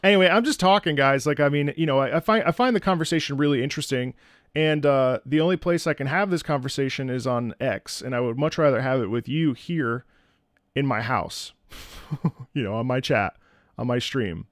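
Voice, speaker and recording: In a casual livestream from his home, a content creator rambles through his opinions to viewers, repeating and restarting phrases as he goes. He speaks a little fast in a mid-range voice. The sound is clean studio quality without room sound.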